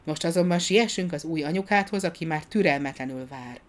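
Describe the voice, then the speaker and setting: Woman reading a gentle, soft-spoken father in a storybook, low and quiet. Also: lightly acted. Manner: calm, warm, soft-spoken. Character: kindly, gently serious father.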